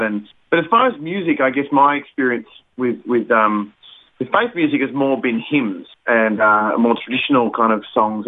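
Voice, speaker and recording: A man from Australia, a singer and songwriter, talks in a hesitant, reflective way with a mid-pitched voice. The sound is thin and tinny, like a phone line. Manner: hesitant, many fillers and restarts, reflective. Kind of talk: interview guest, casual storytelling.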